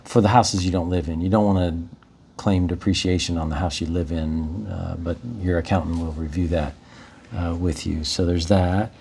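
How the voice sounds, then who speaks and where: A man's voice: sits low, level tone, normal speed, gravelly, darkish tone, a little hiss or hum. A man who hosts short-term rentals, explaining tips in an easygoing, casual advice chat.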